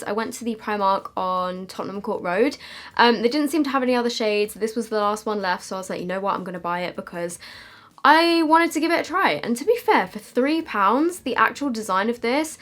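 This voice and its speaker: A woman's voice: mid-range voice, a bit bright. A young British woman with a slight lisp from wearing a retainer, chatting casually and self-deprecatingly to camera in a makeup review. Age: young adult. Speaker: beauty vlogger. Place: small decorated room indoors.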